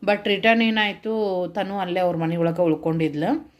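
A woman's voice: on the low side, level tone, moderate pace. A middle-aged woman with a North Karnataka Kannada accent, vlogging and telling her viewers what happened in an earnest, heartfelt way. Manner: earnest, heartfelt retelling, addresses viewers directly. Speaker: vlogger and home food seller. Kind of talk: casual vlog narration to viewers.

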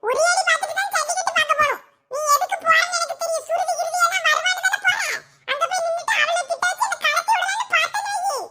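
Woman doing a village girl, cartoon, lively, teasing, very high, bright. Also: fast talker. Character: chatty village girl itching to go out.

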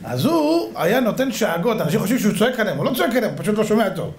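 A man with a high voice and big pitch swings gives a lively religious lecture to an audience as a rabbi, telling stories animatedly and acting out the voices. The room is echoey.

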